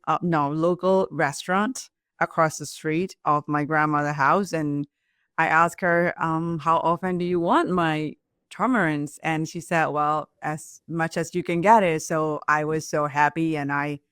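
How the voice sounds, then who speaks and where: This restaurant owner from Myanmar speaks English with a Burmese accent, recounting her life as an entrepreneur in an interview using simple, hesitant phrasing. Her deep voice is clear, smooth and a little bright. The recording is dry and close-miked, free of echo.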